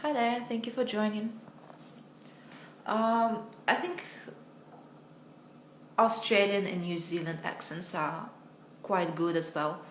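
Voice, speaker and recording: This young American woman teaches English over a casual phone livestream from home, her mid-range voice fairly even in intonation. She talks slowly with long pauses, in a chatty, hesitant, self-mocking way, frequently laughing at herself. The recording is echoey, with a bit of hiss or hum.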